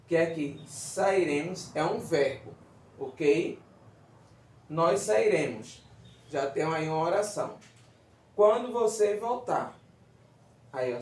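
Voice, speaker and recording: A man with a Brazilian Portuguese accent walks through a grammar lesson, pausing often to check that his students follow. His voice sits a little high. The mic is well away from him in an echoey room. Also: recorded from a distance. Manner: explanatory, checks understanding with "certo?" and "tá vendo?". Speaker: teacher. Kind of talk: recorded classroom lesson.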